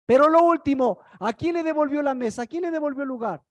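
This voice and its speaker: A woman's voice: high voice, fast, no echo. A woman preaching a sermon, firing rhetorical questions at the congregation.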